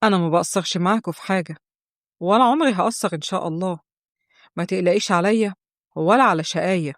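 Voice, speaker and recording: Woman putting on a lower-voiced mild Egyptian young husband, soft pleading storybook voice, dry close sound. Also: quick pace, no room sound, close to an everyday voice. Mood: gentle. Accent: Egyptian Arabic. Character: young married man, gentle and dutiful son.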